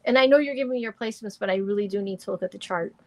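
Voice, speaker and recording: Rapid-fire and a little mellow, a middle-aged woman rambles chattily through live tarot and astrology readings for viewers. She uses many fillers, and her voice is slightly hoarse and deepened.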